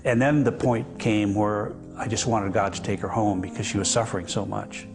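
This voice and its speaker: Older man, low gravelly voice, measured, hesitant, reflective interview. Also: over music. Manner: measured, hesitant with frequent fillers. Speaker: interview guest.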